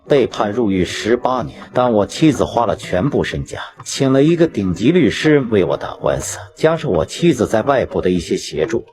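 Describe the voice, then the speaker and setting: A man's voice: lowish voice, darkish tone. A man delivering a scripted first-person story in a cocky, self-assured way, as a gangster recounting his career. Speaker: video narrator speaking as a crime drama gangster.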